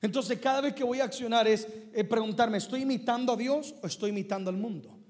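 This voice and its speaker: A man's voice: very high-pitched, quick pace, a little mellow. A man, a pastor, preaching a sermon to a congregation and calling on them to answer back. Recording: long hall reverb.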